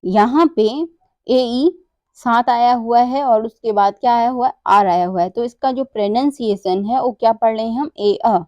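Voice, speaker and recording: A woman's voice: fairly high pitch, normal speed, darkish tone, no echo. A woman teaches English pronunciation rules, spelling words out letter by letter and asking and answering her own questions. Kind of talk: slow spelling-out lesson.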